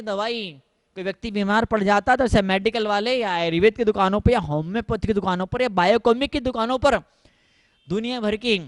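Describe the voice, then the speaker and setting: A man's high voice delivering a sermon as a monk, repeating his points for emphasis. The sound is dry and close. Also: no room sound. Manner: repetitive, emphatic, mixing English phrases. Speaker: Jain monk.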